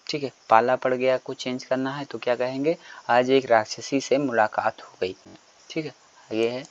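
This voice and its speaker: A man teaching a textbook lesson at an even, ordinary pitch. He explains each point step by step and keeps putting questions to the class. The recording is dull and lo-fi, with faint crickets behind him.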